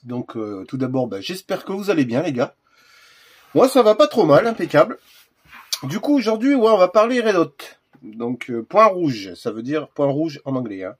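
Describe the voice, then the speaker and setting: A man's voice: on the high side, sing-song, normal speed, husky. A man hosting a casual unboxing video, talking hesitantly with lots of fillers and restarts. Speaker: gun accessory reviewer.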